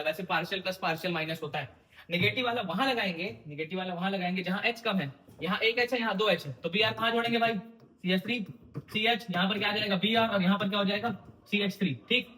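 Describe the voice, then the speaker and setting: Preparing students for exams, a young man teaches chemistry with a high, bright, sharp voice and a playful, informal tone. He quizzes the class, repeating his questions and then supplying the answers himself.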